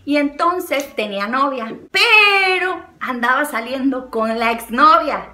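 Bright, high-voiced Mexican woman vlogger. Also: takes it slowly. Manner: animated, laughs often, acts out quotes. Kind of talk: chatty storytelling and advice. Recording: echoey room with faint music.

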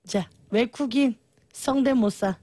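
A woman's voice: a little high, slow, warm tone, no room sound. A woman hosting a radio show, playful and teasing, laughing often as she chats with her guests. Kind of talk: lively radio chat.

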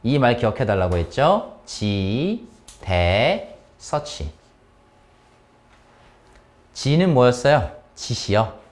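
A man's voice: medium pitch, sing-song, slow, pauses often. A man teaching an English reading lesson, explaining step by step and constantly asking his students questions. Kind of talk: exam-prep lecture.

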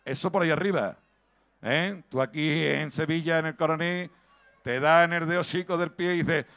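A man's voice: on the high side, fairly bright tone, clean tone. Andalusian man doing stand-up comedy. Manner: chatty, teasing the crowd with rapid put-on voices. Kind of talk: live stand-up comedy at a street festival. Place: outdoor town square festival.

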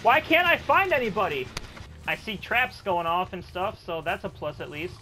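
Excitable young man yelping over gameplay. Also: sits high, moderate pace, soft background music, poor audio. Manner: excitable, laughs often, yelps. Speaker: gaming channel host. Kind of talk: casual gameplay chat.

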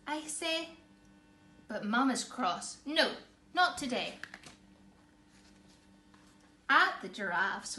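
A woman storyteller reads a picture book to children, taking her time and delivering it theatrically and emphatically, with a slightly high, sharp-toned voice. She's indoors in a small living room, recorded by a camera or phone a short way off, with echo and faint background noise.

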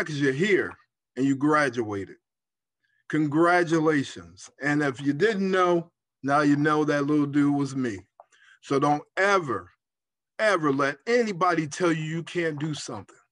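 A college activities director in his fifties speaks straight into his webcam. He is casual and emphatic, and his voice sits fairly high for a man as he encourages the graduates. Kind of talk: motivational message.

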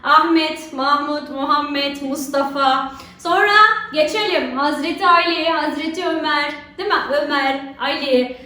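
Woman teacher w a really high voice, keeps going "right?" at the kids, sounds far off the mic. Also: a little slow, sharp tone. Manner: keeps asking rhetorical questions to draw pupils in. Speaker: religion teacher. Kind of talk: recorded remote lesson for schoolchildren. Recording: very echoey room, voice far from mic.

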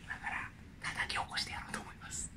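A middle-aged man whispering a hushed prank introduction to a handheld camera in a hotel room. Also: quick pace. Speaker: prankster presenter, DJ.

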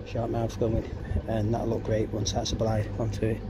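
In a back garden, a man narrates his DIY project in an informal, rambling way, filming on a camera or phone he holds himself. He speaks at normal speed in a fairly low, monotone voice. Outdoor ambient noise accompanies the handheld recording.

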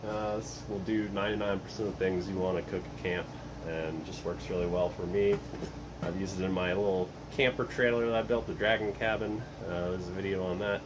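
A man in his thirties casually walking through his camping kitchen gear at home, chatty and relaxed with frequent fillers. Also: sits low, a little fast, background noise. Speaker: vlogger showing camping gear. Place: cluttered home storage room and kitchen, indoors.

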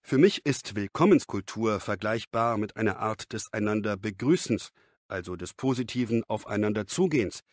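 A man reading the part of an expert being interviewed in a scripted lesson dialogue, measured and explanatory. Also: on the low side, lively intonation, no echo, studio quality.

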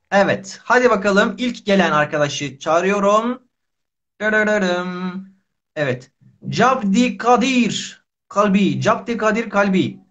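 A man in his thirties with a high voice hosts a casual online language lesson. He keeps his phrases short and simple and repeats them. The livestream sound is dull and lo-fi. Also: a bit bright. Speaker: Turkish teacher and live host. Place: small indoor room.

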